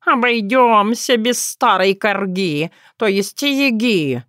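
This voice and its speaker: A woman voicing a sly talking male cat, slow and purring. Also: medium pitch, expressive, a bit bright, no echo, clean studio sound, voice pushed up. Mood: alarmed. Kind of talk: audiobook character voice.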